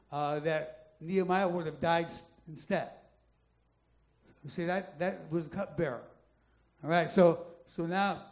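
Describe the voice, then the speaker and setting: A man pastor preaching a Bible-study sermon, halting with restarts, then building into emphatic repeated phrases. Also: fairly high pitch, darkish tone. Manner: halting, many restarts and fillers, rising into emphatic repetition.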